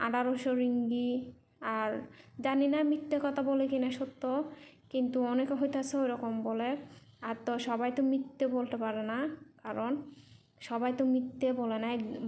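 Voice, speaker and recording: Slightly high and a little mellow, this woman's voice narrates a casual vlog against slight background noise. A mother based in Malaysia, she speaks Bengali as a non-native with Chittagong influence, repeating and rewording things plainly.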